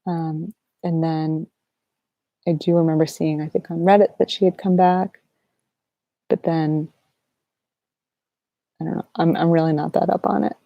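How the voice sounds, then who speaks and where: A sleep-deprived woman chatting softly and casually as an ASMR livestream host, in a halting, low-energy, rambling way. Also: level tone, gravelly, no room sound, lo-fi sound. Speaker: ASMR artist hosting a livestream Q&A.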